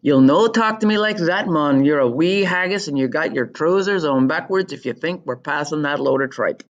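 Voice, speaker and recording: A woman reading out a comic caption as a gruff, indignant Scottish man, putting on a Scottish accent with a raised, loud voice. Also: low-pitched, moderate pace, dull audio, lightly acted. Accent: put-on Scottish.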